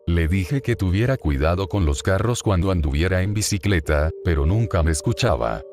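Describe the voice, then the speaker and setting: Frightened woman caller hiding at night, voiced flatly by a deep-voiced man. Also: moderate pace, soft background music.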